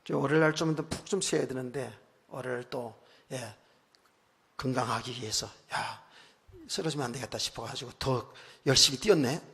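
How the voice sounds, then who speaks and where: A male pastor preaching a conversational sermon, telling stories with frequent asides, moving from quiet remarks to loud emphatic bursts. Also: medium pitch, moderate pace, vocal fry, slightly rough. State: recently worn out and hoarse. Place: church sanctuary. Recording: long church hall reverb.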